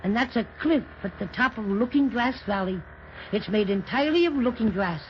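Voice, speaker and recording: A performer voicing a cheerful, protective little cinnamon teddy bear who reassures the children and is bossy toward the stork, in a 1930s radio drama. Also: female voice, fairly high pitch, lively intonation, brisk, a little hiss or hum, natural voice. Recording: dull old 1930s radio transcription.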